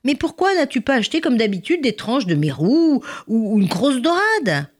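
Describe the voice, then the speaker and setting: A woman's voice: medium pitch, very animated, moderate pace. A woman voicing a fretful housewife in a told story who scolds and complains fussily. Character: client's wife, fretful, disgusted housewife.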